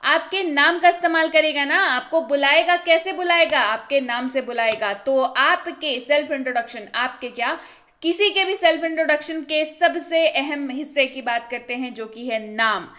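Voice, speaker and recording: Young woman teaching english online, high bright voice, asks stuff then answers it herself, says examples slow. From India. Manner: lively, asks and answers her own questions, repeats examples slowly. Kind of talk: online video lesson. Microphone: voice-over over slides.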